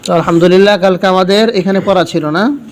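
A man teaching Quran reading, sounding out Arabic syllables and pausing for students to finish his sentences. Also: high voice, steady tone, very noisy. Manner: asks questions and leaves the last word for students to finish.

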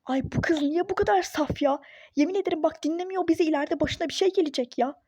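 A woman's voice: very high voice, fast, mellow, a little hiss or hum. A woman voicing a meddling, superstitious young woman friend in a phone-game role-play story, nagging and insistent.

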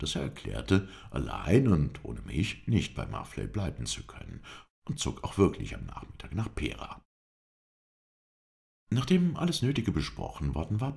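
A man reading an adventure novel aloud as an audiobook, in expressive scripted narration. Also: rumbling low, gravelly. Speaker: audiobook reader.

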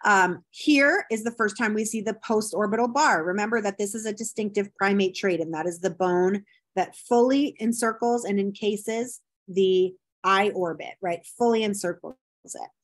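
Woman teaching a recorded class, mid-pitched, lots of um and right?. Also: fairly bright tone. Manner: explanatory, frequent ums and tag "right?". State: has the hiccups. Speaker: anthropology lecturer. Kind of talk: recorded lecture over slides.

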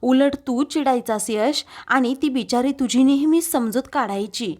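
A woman's voice: high voice, unhurried, darkish tone. Teasing young woman lecturing a friend, read out by a woman narrator.

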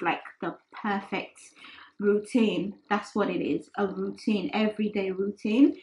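Chatty young woman in a roomy kitchen. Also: mid-range voice. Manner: chatty, many fillers, trails off softly. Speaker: vlogger. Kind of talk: casual vlog chat. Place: home kitchen. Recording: roomy kitchen with faint noise.

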